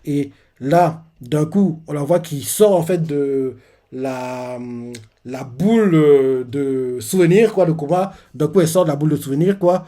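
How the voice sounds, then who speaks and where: A man's voice: fairly high pitch, measured pace, warm tone. A man hosting a live manga reaction. He retells a comic chapter in casual, rambling talk full of filler words and restarts.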